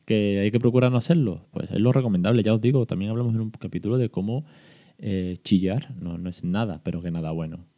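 A man with a low, very dark voice hosts a parenting podcast, speaking fairly quickly in a casual, reflective monologue. He's chatty and patient, with lots of fillers and restarts, and the recording sounds dull and lo-fi.

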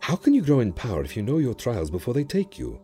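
A man's voice: mid-range voice, wildly swooping pitch, mellow, soft background music. A man voicing an ancient male jinn who speaks in grand, cryptic, teasing pronouncements in an audio drama. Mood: mocking. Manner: theatrical, teasing, drawn-out pronouncements.

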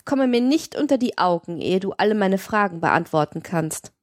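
A woman's voice: mid-range voice, animated, normal speed, a little mellow, dry recording, studio quality, lightly acted. A woman reading an audiobook, voicing a cold, imperious woman who commands her lover in a stern, haughty way. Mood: stern, commanding. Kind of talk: audiobook reading of a classic novel.

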